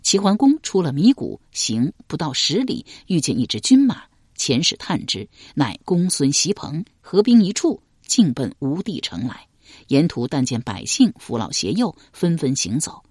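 A man's voice: fairly high pitch, huge pitch swings, normal speed, a little mellow, husky, no room sound, clean studio sound. A man narrating a historical novel, telling it dramatically and voicing many characters. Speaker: storyteller.

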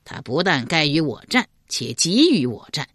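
A woman voicing a shrewd, calm male minister in a spoken historical novel, laying out plans step by step. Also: low voice, normal speed, no echo, clean studio sound, exaggerated voice. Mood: measured.

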